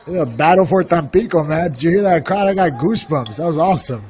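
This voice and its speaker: A man giving casual live color commentary on a fight, conversational and halting, often tripping on the starts of words. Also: a little high, animated, a little mellow. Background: music.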